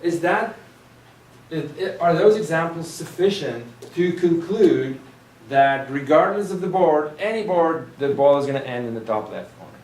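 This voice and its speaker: A man's voice: on the high side, animated, normal speed, a little mellow. A man teaching a math class, explaining reasoning patiently through examples and sometimes trailing off and restarting. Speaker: math instructor. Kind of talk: recorded classroom lecture. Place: classroom or lecture room. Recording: roomy lecture room, distant mic.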